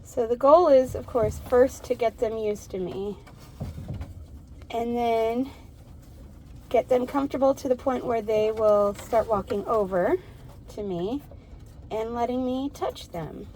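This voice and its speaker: An American woman chatting casually to camera while sitting outdoors in an animal pen, gently soothing the animals. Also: on the high side, a little slow, pauses often, slight background noise. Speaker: homestead vlogger. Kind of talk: casual vlog narration.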